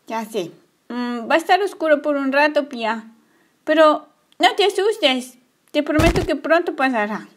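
A woman voicing Emma, a kind, secretive young girl, coaxing her pet gently in a toy story play. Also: high voice, animated, a little slow. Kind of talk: playing with toy figures.

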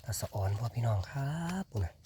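Excited Isan man foraging outdoors. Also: fast talker, heavy background noise. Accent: Isan Thai. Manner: excited exclamations, addressing viewers as brothers and sisters. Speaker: foraging vlogger. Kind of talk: casual outdoor vlog narration. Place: forest outdoors.

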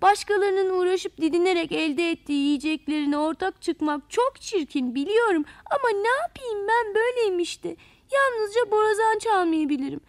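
A woman's voice: very high-pitched, animated, moderate pace, dry recording, voice pushed up. A woman voicing a tiny, timid trumpet creature that stammers and pleads in a storybook tale. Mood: pleading. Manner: stammering, then tearful and pleading.

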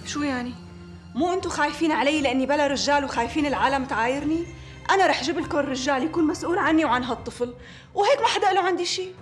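An actress with a Syrian accent playing a young widow who argues back defiantly. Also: female voice, high-pitched, racing, soft background music, close to an everyday voice. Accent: Syrian Arabic. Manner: argumentative, defiant.

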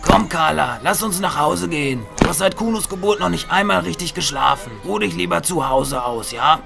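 A man as a gravelly, bumbling young dad. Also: fairly high pitch, expressive, normal speed. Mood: pleading. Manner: chatty, musing aloud with hums. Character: eager, bumbling young father and self-styled detective. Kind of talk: toy figure film voice acting. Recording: music playing underneath.

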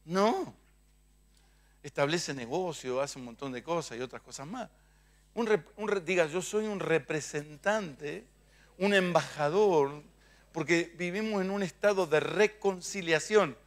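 A middle-aged Argentine man preaching a sermon in church, moving between loud declarations and quiet asides, leading his congregation in call-and-response. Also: fairly high pitch, lively intonation, normal speed. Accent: Argentine Spanish. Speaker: pastor.

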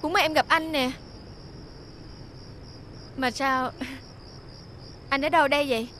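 A chatty young woman, high bright voice, a bit of hiss behind. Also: fairly even intonation, a little slow. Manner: chatty, breezy storytelling.

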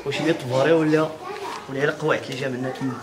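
A young man with a Moroccan accent, trading brisk street banter in a comedy sketch. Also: mid-range voice, steady tone, background noise, natural voice.

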